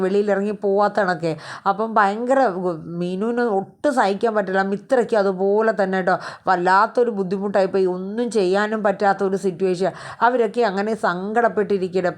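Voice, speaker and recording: A woman vlogger chatting through upcoming TV serial scenes in a casual retelling, acting out characters' lines as she goes. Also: medium pitch. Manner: chatty, acts out characters' lines, tags sentences with "you know".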